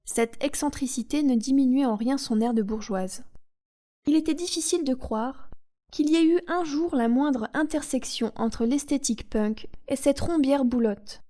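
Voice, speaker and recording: A woman reading a novel aloud in a calm, soothing audiobook narration. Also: a little high. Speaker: audiobook reader.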